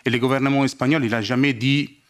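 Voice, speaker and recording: A man from Italy with an Italian accent, speaking a non-native language haltingly as he addresses a seminar from the audience, often searching for words. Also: medium pitch, steady tone, a bit bright. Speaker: lobbyist asking a question from the audience. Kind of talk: spontaneous public question at a seminar.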